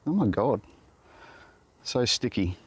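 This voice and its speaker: A man's voice: fairly low pitch, sing-song, slow pace, slightly rough. A middle-aged Australian beekeeper talking casually to camera in an outdoor garden, muttering self-deprecating asides as he works. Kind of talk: casual hands-on talk to camera. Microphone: camera on tripod.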